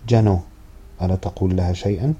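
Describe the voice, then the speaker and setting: Man voicing old grandmother, strict, scolding, storybook, very dark tone. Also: deep voice, a little fast, husky. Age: older. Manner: scolding, sharp.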